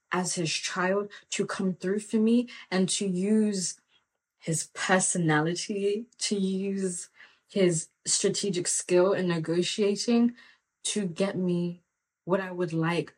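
Earnest woman with a lowish voice. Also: low-quality recording. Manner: earnest and animated, full of "like" and "come on". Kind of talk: casual faith talk with personal story.

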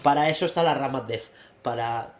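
A man's voice: medium pitch, brisk. A man from Spain in casual chat, explaining things at length and laughing easily.

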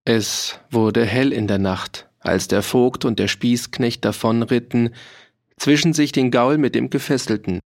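A man reading a historical novel aloud at a slow, measured pace, voicing the characters' lines. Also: medium pitch, a little mellow. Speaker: audiobook narrator. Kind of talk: scripted narration of a historical novel.

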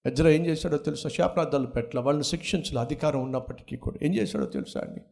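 A gravelly man preaching with fervour and a somewhat high voice. He repeats his phrases, climbs to loud, ringing cries and then sinks into hushed, low lines. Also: quick pace. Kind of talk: sermon.

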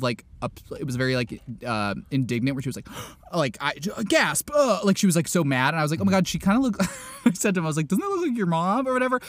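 Rambling storyteller man, slightly high voice. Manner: rambling storyteller, many restarts and fillers, acts out quotes. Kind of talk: casual chat.

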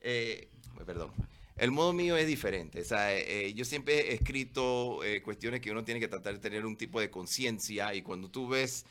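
A man's voice: on the low side, moderate pace, hardly any pauses, sharp tone. A man, rambling through interview answers with many restarts and tag questions. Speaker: filmmaker being interviewed. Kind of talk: casual interview talk.

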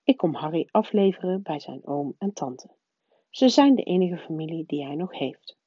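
A woman reading aloud voices an old male wizard headmaster who talks in a calm, mild, measured way. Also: deep voice, husky, dry recording. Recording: dull, dry lo-fi recording.

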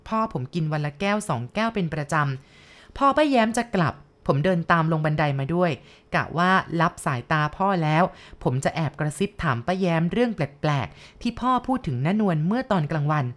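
Calm woman reading a ghost story. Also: fairly low pitch, fairly quick. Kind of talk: scripted ghost story narration.

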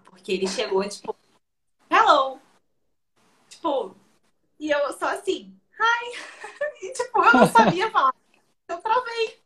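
A young woman with a Brazilian Portuguese accent, appearing as an interview guest, tells a story casually in a slightly high voice. She's lively, laughs often, and acts out quoted dialogue as she goes.

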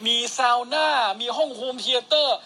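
A man's voice: extremely high pitch, normal speed, bright, forceful tone, a little hiss or hum. A man co-hosting a casual wrestling recap, telling stories in a joking, profane way. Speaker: podcast co-host.

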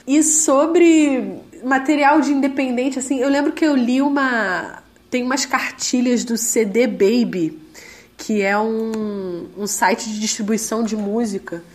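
A Brazilian Portuguese-speaking woman giving a conversational interview, her voice hoarse and duck-like as she recovers from laryngitis. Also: on the high side, measured pace, darkish tone. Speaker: interviewee, independent musician.

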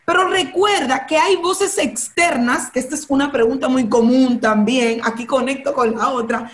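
Fervent high-voiced woman preaching. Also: normal speed. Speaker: guest speaker.

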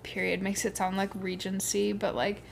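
Enthusiastic woman with a gravelly edge. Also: medium pitch, level tone, slight background noise. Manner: enthusiastic, quick to react. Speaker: podcast co-host. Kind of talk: casual chat about books.

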